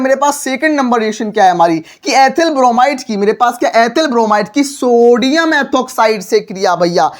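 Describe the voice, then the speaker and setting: A male teacher giving a lively exam-prep chemistry lecture, asking rhetorical questions and repeating phrases to drive points home. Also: very high voice. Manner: repetitive, rhetorical questions, filler phrase "mere paas". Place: online class video.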